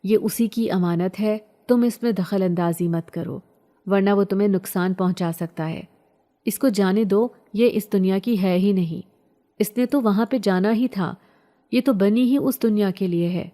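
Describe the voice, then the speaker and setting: A woman voicing an older male holy man who speaks in slow, authoritative, cryptic warnings. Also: mid-range voice, warm tone, lightly acted. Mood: stern.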